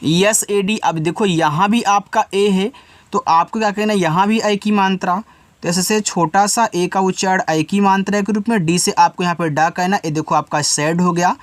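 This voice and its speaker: A man giving an English lesson step by step, patiently repeating each word and its meaning and spelling letters out slowly. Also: sits high, no echo. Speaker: English teacher.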